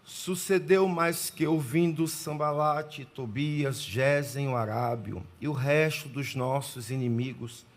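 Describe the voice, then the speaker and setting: A man from Pernambuco speaks as a guest preacher in a church sanctuary. His voice sits at an ordinary middle pitch, and his delivery is formal and deliberate. He greets the congregation and reads scripture with measured pauses. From Pernambuco, Brazil. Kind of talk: sermon with scripture reading.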